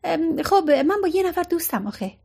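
An awkward teenage girl, as a woman reads her speaks in a high, flustered voice. Her replies come out quick and defensive, the way a shy girl blurts in a storybook. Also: sing-song, creaky, darkish tone, exaggerated voice.

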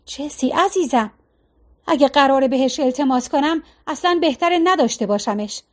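A woman voicing a weary middle-aged mother who speaks softly and pleads gently. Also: high-pitched, close to an everyday voice. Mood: tender.

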